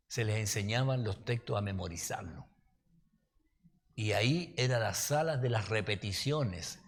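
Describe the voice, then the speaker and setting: Pastor with a Chilean accent, homely anecdotal Bible teaching, mid-pitched voice, long hall reverb. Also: male voice. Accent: Chilean Spanish. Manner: folksy, anecdotal, asks listeners "¿ya?". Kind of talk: conversational Bible-study sermon.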